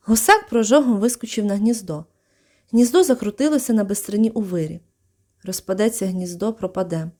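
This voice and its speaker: Mellow-voiced woman reading a storybook. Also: mid-range voice. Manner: calm expressive narration, brief character voices. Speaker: audiobook reader.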